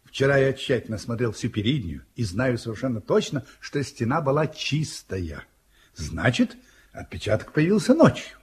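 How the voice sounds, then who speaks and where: Sherlock Holmes, husky, swooping detective. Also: male voice, medium pitch. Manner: courteous, commanding, teasing. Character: brilliant, theatrical, playfully superior male detective. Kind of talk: theatrical radio-play dialogue.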